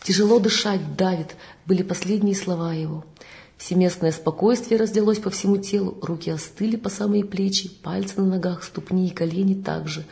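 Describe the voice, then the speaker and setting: A woman reading a memoir passage aloud in a measured, deliberate manner. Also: fairly low pitch, fairly even intonation, gravelly, mellow.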